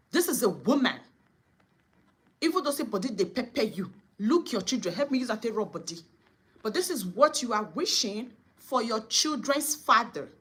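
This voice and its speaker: A woman's voice: on the high side, fairly bright tone, husky. A Nigerian woman vlogger giving indignant, scolding commentary, mixing English and Pidgin.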